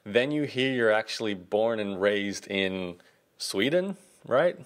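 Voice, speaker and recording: Deep-voiced male podcast host. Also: slow pace. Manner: relaxed, conversational with fillers. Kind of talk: podcast interview.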